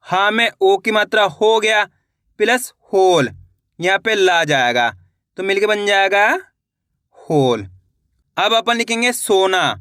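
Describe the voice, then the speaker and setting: A young man teaching children to read Hindi, slowly spelling out each syllable, repeating words and asking questions patiently. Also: high voice, pushed and bright, clean tone, no echo, clean studio sound.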